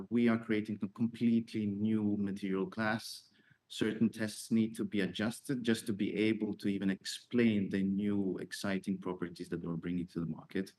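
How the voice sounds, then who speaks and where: Low-voiced man fielding investor questions. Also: darkish tone. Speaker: startup founder.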